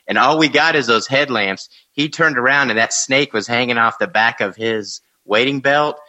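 A mid-range male voice with a sharp tone comes through a muffled recording at normal speed. The speaker, a former fishing guide co-hosting a casual podcast, tells fishing stories in a laid-back drawl, laughing and swearing along the way.

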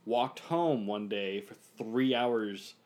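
A man's voice: on the low side, takes it slowly, a little mellow. A man chatting casually on a podcast, rambling and restarting his sentences. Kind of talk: casual chat.

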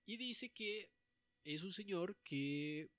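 A young man co-hosting a casual chat, animated and quick to laugh, often acting out the lines he talks about. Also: sits high, dry recording. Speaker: podcast co-host.

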